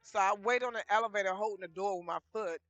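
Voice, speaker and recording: A woman's voice: medium pitch, quick pace, no room sound, muffled recording. A middle-aged woman, chatting casually as she tells the story of her own life. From Washington DC area. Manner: lively, chatty retelling of conversations with frequent laughs.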